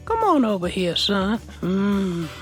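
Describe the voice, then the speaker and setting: A man voicing a creepy, lonely elderly cartoon character with a high, wheezy, coaxing drawl. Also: sing-song, slow, faint music behind, exaggerated voice. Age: older. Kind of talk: animated comedy character acting.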